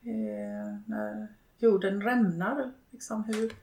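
An older woman, speaking in a reflective interview and pausing often to search for words. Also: mid-range voice, steady tone, warm tone. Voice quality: creaky. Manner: hesitant, halting, many pauses and fillers. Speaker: interviewee, widow and network co-founder. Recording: roomy, echoey room.

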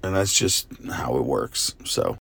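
A man's voice: rumbling low, animated, unhurried, vocal fry, fairly bright tone, husky. A male preacher with an exhausted, worn voice giving a casual, conversational and earnest devotional talk. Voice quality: tired, worn voice from much preaching. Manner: conversational, earnest, often asking "right?" and "you know". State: exhausted-sounding, tired voice.

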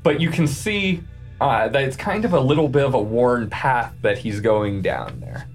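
Low-voiced woman running a tabletop game. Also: very animated, normal speed, faint music behind. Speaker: game master. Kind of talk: casual tabletop game narration.

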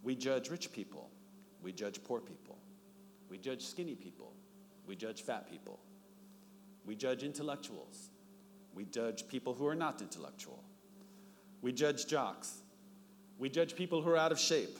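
In a very animated yet unhurried voice, with long pauses, a middle-aged pastor delivers a sermon. He tells stories and acts out the dialogue with rising pitch; the recording has long reverb and faint background noise.

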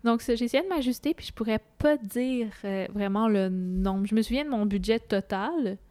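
Smooth-voiced Québécois woman telling stories. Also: a little high, normal speed. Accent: Québécois French. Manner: lively, quotes her own thoughts aloud. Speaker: guest. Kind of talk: casual conversational storytelling.

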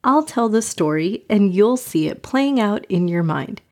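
A woman hosting and narrating stories for children in an expressive, unhurried fireside storytelling manner. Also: mid-range voice, no room sound, clean studio sound. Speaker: children's podcast host and storyteller.

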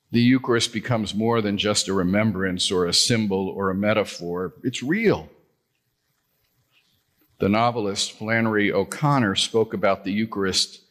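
Preacher guy, lowish voice, thoughtful sermon in church. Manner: reflective, gently personal preaching. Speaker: pastor.

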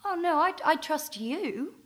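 A woman's voice: high-pitched, expressive, measured pace. An actress playing a wry, teasing female action heroine in a comedy audio drama. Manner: teasing, sardonic.

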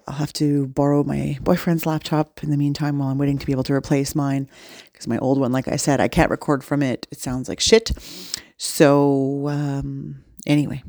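A woman's voice: rumbling low, vocal fry, warm tone, no room sound, studio quality. A woman podcast host, recording a casual update on her phone, sounding dejected and rambling with many fillers.

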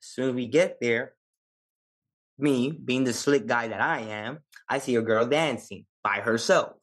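A man with a New York Puerto Rican accent, a Navy veteran telling stories as a podcast guest, lively and laughing often. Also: medium pitch, unhurried. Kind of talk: casual storytelling.

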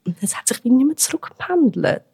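A woman's voice: high voice, big pitch swings, fast, vocal fry, mellow, breathy edge. A young woman with a Swiss German accent, chatting candidly as a podcast co-host and laughing often. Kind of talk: casual chat.

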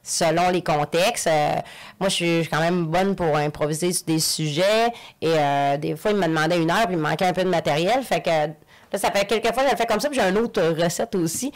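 A comedian from Lac-Saint-Jean, a woman with a Quebec French accent, chats as a guest in a casual podcast conversation. She tells stories in a low-ish, brisk voice and laughs often.

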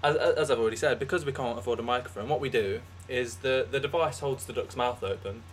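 A young man co-hosting a podcast, telling absurd stories in a deadpan way with frequent restarts. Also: mid-range voice, fast talker, a little hiss or hum. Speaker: podcast co-host. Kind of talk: casual comedic chat.

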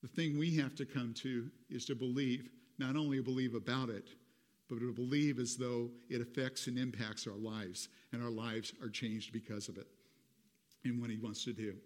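A middle-aged man preaching a sermon as pastor, rising high and loud when retelling a story and dropping soft for personal asides. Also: in a large hall.

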